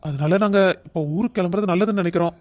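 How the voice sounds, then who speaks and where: Cast: man as a courteous middle-aged family man, high voice, gently reasoning, cartoon story. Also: rapid-fire, natural voice. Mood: polite. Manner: polite, reasoning. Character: polite middle-aged son-in-law and father. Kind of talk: animated story voice acting.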